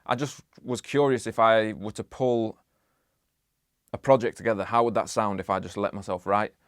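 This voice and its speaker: Speaking at a normal speed in a lowish voice, a young male producer chats casually about his music-making process from his home studio. The vlog-style talk is relaxed and meandering, full of "like" fillers, and the recording has no room sound.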